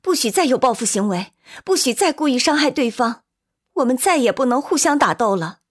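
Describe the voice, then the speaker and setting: A woman reads as a composed young lady who takes charge of a crisis. The voice sits high and bright above the narration, earnest and commanding, the steady center of the scene in an audiobook tale. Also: normal speed. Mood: firm. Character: calm, firm young Englishwoman comforting a grieving man.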